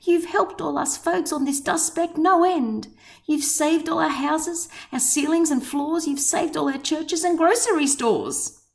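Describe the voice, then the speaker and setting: A tiny storybook mayor, cheerful and grateful, with a voice set a touch higher than the reader's own. A woman voices him. He sounds friendly and eager to please. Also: a little slow, gravelly, a little mellow.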